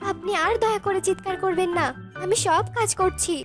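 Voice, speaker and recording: A woman's voice: very high-pitched, fairly even intonation, a little fast. A woman voicing a young, tired daughter-in-law in a cartoon, who pleads with her mother-in-law. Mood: pleading. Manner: pleading, reproachful. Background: background music.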